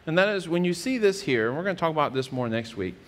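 The pastor, a man in his thirties, talks fast in a slightly high, animated voice as he explains scripture in an earnest sermon. He frequently restarts phrases, preaching from a church stage with wood paneling, with reverb from the hall.

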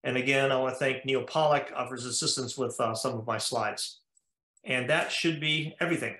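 A man's voice: mid-range voice, a little fast, bright, forceful tone. An American man lecturing to divers over a video call in a mid-range voice, methodical and explanatory with plenty of fillers. The sound is roomy, with noticeable echo around him. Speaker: cardiologist lecturing at a diving conference. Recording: echoey room.

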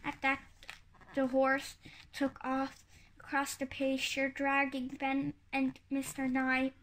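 A woman reading a children's book aloud, halting now and then with slips and restarts. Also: high voice, monotone, a bit bright, slight background noise. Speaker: reader.

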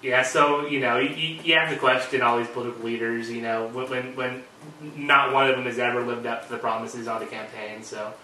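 A man co-hosting a casual political talk show, calm and a bit hesitant. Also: mid-range voice, brisk. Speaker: co-host. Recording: echoey room, distant mic, faint noise.

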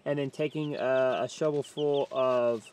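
A man in his thirties with a Texan accent, chatting excitably as he films himself at arm's length outdoors on a rural homestead. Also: mid-range voice, unhurried, a little hiss or hum. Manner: chatty, excitable, talks to the animals. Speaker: homesteader showing his animals. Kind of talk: casual walk-and-talk vlog. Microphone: handheld camera held at arm's length.

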